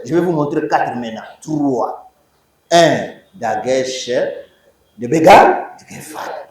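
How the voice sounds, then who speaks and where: A man teaching a university class, repeating key words and quizzing his students. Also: mid-range voice. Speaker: Biblical Hebrew lecturer. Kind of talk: university lecture. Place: university lecture hall. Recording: roomy echoing hall, voice from far off.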